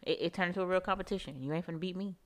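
A woman's voice: lowish voice, racing. A woman co-hosting a podcast, chatting casually and telling stories, quoting herself. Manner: relaxed storytelling, quotes herself. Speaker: podcast co-host. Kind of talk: casual chat.

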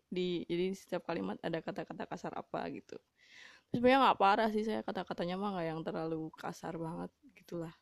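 A young woman from Java talks through a casual solo podcast episode in a blunt, chatty way, dropping fillers and laughing often. Her voice sits a little low, and the sound is dry and close to the mic. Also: darkish tone, no room sound. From Java, Indonesia. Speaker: podcast host.

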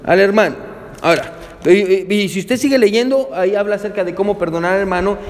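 A male pastor preaches a sermon in a fairly high voice. He keeps putting questions to his listeners and calls them to turn with him to the verses. His words ring on in a long hall echo. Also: fairly quick. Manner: asks the congregation rhetorical questions.

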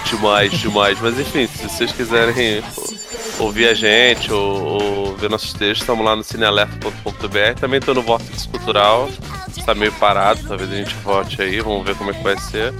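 A man with a carioca Rio accent chatting casually as a podcast guest, in a slangy, halting way with repeated words. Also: on the low side, little pitch movement. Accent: carioca (Rio de Janeiro) Brazilian Portuguese. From Rio de Janeiro, Brazil. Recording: music playing behind the voice. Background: background music.

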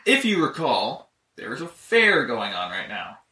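A man's voice: mid-range voice, huge pitch swings, unhurried, sharp tone. A man narrating a tabletop game as game master, playful and coaxing. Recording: roomy, distant mic, faint noise.

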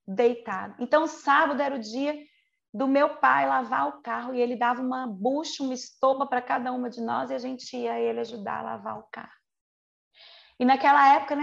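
This dull-sounding audio features a high-pitched, creaky female preacher in her forties who has a Brazilian Portuguese accent. Her sermon is conversational: she elongates important words, drops in brisk chatty asides, and poses rhetorical questions to keep her listeners engaged.

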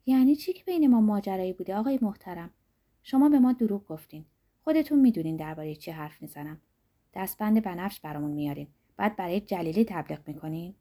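A woman reading the lines of a proud, angry young female student who speaks loudly and accusingly. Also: mid-range voice, expressive, close to an everyday voice. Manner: loud, sharp and accusing.

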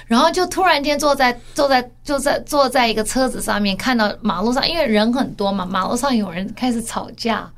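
A high-pitched woman with a Taiwanese Mandarin accent, chatting casually as a podcast co-host. She tells stories with animation and slips into other people's voices as she recounts them. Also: fairly quick, hardly any pauses. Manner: animated storyteller, acts out quoted voices with lots of laughter. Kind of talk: casual chat.

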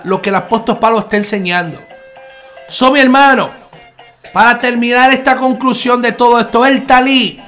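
A man's voice: very high-pitched, pushed and bright. A man giving a conversational online sermon as a Messianic preacher, earnest, repeating key phrases and calling the listener brother.

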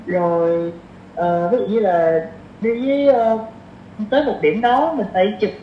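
A woman in her 20s speaks a little slowly in a mid-range voice, her southern Vietnamese accent paired with bits of English slang. It's an informal podcast interview where she's the guest, recorded with a roomy, dull sound and faint noise.

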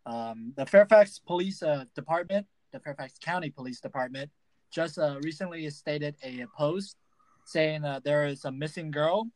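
Halting young co-host, dry sound. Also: male voice, on the high side, a little mellow, no echo. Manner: hesitant, full of ums, halting. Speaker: podcast co-host. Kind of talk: casual podcast chat.

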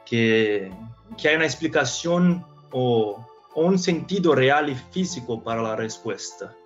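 A Brazilian man in his thirties, a native Portuguese speaker, guests on a podcast speaking Spanish with a Brazilian Portuguese accent. His casual interview talk is halting, with frequent restarts of his phrases. His mid-range voice is animated, the audio dull, with faint music behind.

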